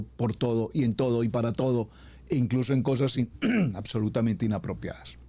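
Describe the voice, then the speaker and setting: A male pastor preaching a sermon, reading scripture slowly and with emphasis, often repeating pleading phrases to the congregation. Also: medium pitch, dark tone.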